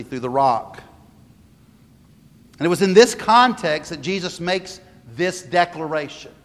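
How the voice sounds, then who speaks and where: A man preaching a sermon in a church, emphatic, pausing and restarting his sentences. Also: on the high side, long reverb tail. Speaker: pastor.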